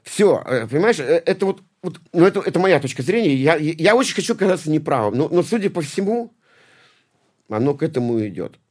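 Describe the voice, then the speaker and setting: A man's voice: on the high side, very animated, brisk. A man in his late forties from St Petersburg, a guest talking casually in a rambling way, swearing a lot and repeating himself. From St Petersburg, Russia. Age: 40s. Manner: rambling, heavy swearing, many restarts and repeated words. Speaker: guest, punk poet and musician. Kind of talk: casual interview talk.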